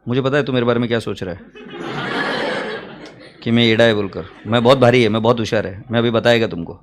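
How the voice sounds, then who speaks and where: A man's voice: medium pitch, fast talker. A man teaching accounts in a joking, teasing lecture, humming little sound effects as he works. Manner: teasing, playful, hums sound effects while working.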